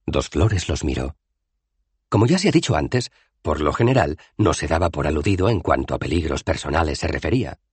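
A man with a husky voice narrating an audiobook in a measured, expressive reading. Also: a bass voice, no room sound. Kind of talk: scripted narration.

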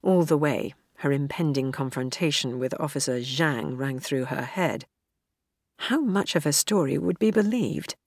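A woman with a low voice narrates an audiobook in a measured, even way. The recording is dry and close, with almost no room sound. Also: no room sound. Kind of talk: scripted narration.

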